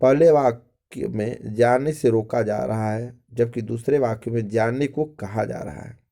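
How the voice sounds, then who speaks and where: A man's voice: medium pitch, measured pace, creaky, dark tone. A man teaching a school grammar lesson to children, explaining step by step, repeating phrases and checking in with the class.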